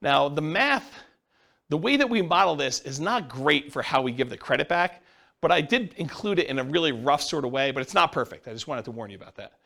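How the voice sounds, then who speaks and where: A man's voice: on the high side, animated, brisk, vocal fry, sharp tone. A man teaching a class, explaining step by step and asking the class questions. He says he is losing his voice. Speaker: real estate instructor.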